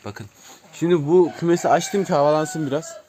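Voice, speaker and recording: A man's voice: fairly high pitch, moderate pace, mellow. A man casually showing viewers around his outdoor chicken coops, chatting to them as friends and calling out to his birds. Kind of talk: casual vlog narration. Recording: noisy outdoor audio with chickens clucking and roosters crowing. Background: hens clucking and roosters crowing.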